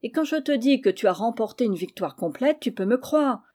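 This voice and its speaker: A woman reading the part of a kind, steady uncle who calmly reassures and advises, in an audiobook of a classic novel. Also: a little high, brisk. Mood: reassuring. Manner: calm, reassuring, gently firm. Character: kind, wise middle-aged uncle, a steady comforter.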